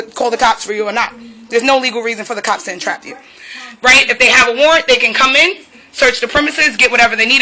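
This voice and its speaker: A resident films a police standoff from inside her apartment, narrating her protest live. Her voice is a little high with a sharp edge, and she's agitated, peppering her talk with rhetorical questions and turning to address the officers directly.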